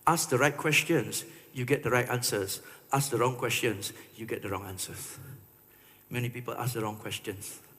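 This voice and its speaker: A man giving a live motivational talk, animated and playful with the audience, mixing English phrases into his speech. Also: mid-range voice, unhurried. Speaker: motivational speaker. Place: large hall with an audience. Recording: long hall reverb.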